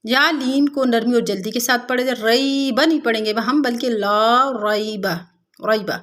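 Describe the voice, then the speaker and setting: A woman teaching a tajweed lesson, explaining each rule step by step and then reciting the words slowly and drawn out. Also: on the high side, fairly bright tone.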